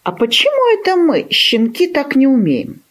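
A woman voicing an eager, naive little male puppy in a storybook tale, squealing and excited. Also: on the low side, a little slow, husky. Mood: pleading.

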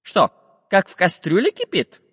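A small iron tinkerer speaks in a plain, matter-of-fact way, as a male narrator puts him on. The voice is fairly high and lively. The recording is dull with a lingering reverb. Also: measured pace, husky, full character voice. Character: handy iron little man, calm tinkerer.

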